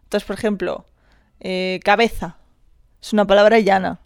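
A woman's voice: mid-range voice, fairly even intonation, normal speed, no room sound, studio quality. A woman in her thirties from Catalonia, with a Catalan accent, chatting casually through a quiz, reading questions aloud and dropping English slang. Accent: Catalan Spanish. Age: 30s. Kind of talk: casual chat while doing an online quiz.

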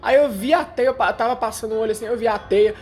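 A man's voice: very high-pitched, fast talker, a little mellow, faint music behind. A young man, telling a story in casual slang, laughing now and then. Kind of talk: casual chat.

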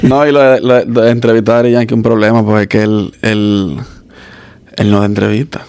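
A man hosting a podcast in casual interview chat, telling stories fast and animated with quoted asides. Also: on the low side, smooth, no echo. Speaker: podcast host. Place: Miami podcast studio.

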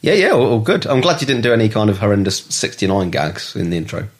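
A man co-hosting a podcast in casual chat, playful and quick to laugh. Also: fairly low pitch, sing-song. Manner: playful, giggly. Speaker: podcast co-host.

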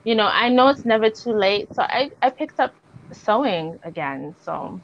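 A woman's voice: mid-range voice, very animated, moderate pace, slight background noise. A woman hosting a podcast in casual chat, speaking informally with slang and swearing. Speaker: podcast host. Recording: slightly dull lo-fi audio.

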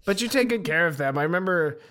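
A man's voice: high voice, fast talker. Laid-back male comedy podcast host. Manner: relaxed, laughs often, frequent fillers. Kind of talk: casual podcast chat.

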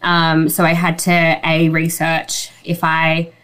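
Lower-pitched woman chatting candidly. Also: completely flat delivery, slow pace, a bit bright, smooth. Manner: informal, conversational, peppered with "like" and "you know". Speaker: interview guest. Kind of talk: candid personal storytelling, casual chat.

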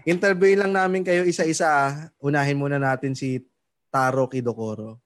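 A male podcast host introduces guests in a casual chat. His voice sits high for a man. He talks in a playful, teasing way. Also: fairly even intonation, a little fast.

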